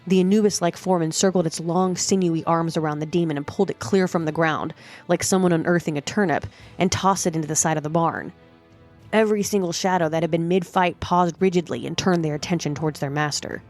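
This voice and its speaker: A woman with a low-pitched voice tells a first-person story in a steady, dramatic way. Faint music plays under her narration. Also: fairly quick.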